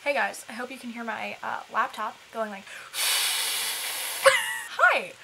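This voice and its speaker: A woman's voice: fairly high pitch, fairly even intonation, a little fast, creaky, over loud music, low-quality recording. A woman vlogging casually about books, chatty and full of fillers, with laughing asides. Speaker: book vlogger. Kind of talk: casual chat.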